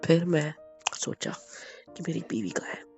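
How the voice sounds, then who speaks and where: A man plays a husband in a romantic role-play call, swinging between gentle soothing and stern scolding. His voice has a gravelly edge. The audio is dull and lo-fi, with faint music underneath. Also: a little high, huge pitch swings, unhurried. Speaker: roleplaying husband.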